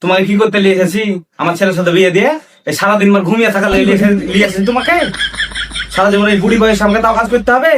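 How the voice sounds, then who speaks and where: A man's voice: fairly even intonation, background noise, lightly acted. A man doing a nagging old mother-in-law. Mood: scolding. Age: older. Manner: whining, scolding, high-pitched and fast. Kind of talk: comedy skit acting. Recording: distant mic with loud background music.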